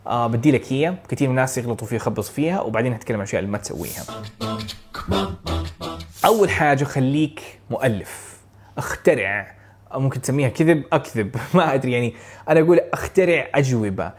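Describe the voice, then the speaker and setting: A man from Saudi Arabia with a Hejazi Arabic accent, coaching learners for an English speaking exam in an energetic, casual way. He chuckles often and slips English words and phrases into his Arabic. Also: medium pitch, very fast, faint music behind. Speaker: IELTS speaking tutor. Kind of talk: casual instructional talk to camera.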